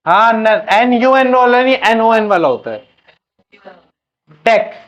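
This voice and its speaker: A man's voice: very high-pitched, lively intonation, takes it slowly, fairly bright tone. Guy teaching chemistry in class, keeps asking and repeating answers, muffled lo-fi sound. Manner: repeats questions and drills answers to students.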